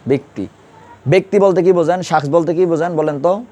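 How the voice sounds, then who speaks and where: A man's voice: fairly high pitch, fairly quick, darkish tone. A man teaching a classroom grammar lesson, quizzing students and repeating key terms.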